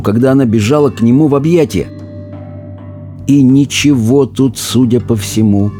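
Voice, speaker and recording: A man narrating a fantasy novel as an audiobook reader, in steady storytelling that slows and sinks low at grim moments.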